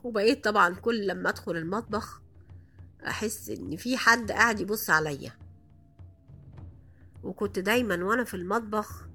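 A woman with an Egyptian Arabic accent narrating a first-person horror story in a dramatic, expressive way. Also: mid-range voice, slightly rough.

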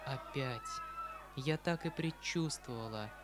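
A man's voice: mid-range voice, takes it slowly, background noise, lightly acted. A man reading aloud, voicing the lines of an earnest, proud young woman in a scripted audiobook narration. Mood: alarmed.

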